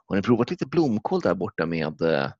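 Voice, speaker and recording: A man's voice: deep voice, sing-song, darkish tone, dry recording, highs cut off. A Swedish man co-hosting a casual chat, joking and rambling with casual swearing. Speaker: podcast co-host.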